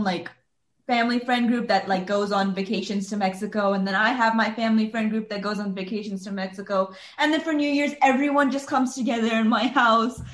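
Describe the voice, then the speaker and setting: Young woman podcast guest, echoey. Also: on the high side. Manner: rambling, frequent "like" fillers. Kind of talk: casual chat.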